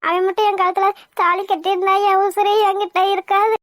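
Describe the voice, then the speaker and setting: A woman's voice: very high voice, little pitch movement, fairly quick, fairly bright tone, no echo, studio quality. A woman voicing a frightened young woman in a cartoon, crying and despairing. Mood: tearful. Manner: tearful, despairing. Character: young woman, rescued and tearful, fearful.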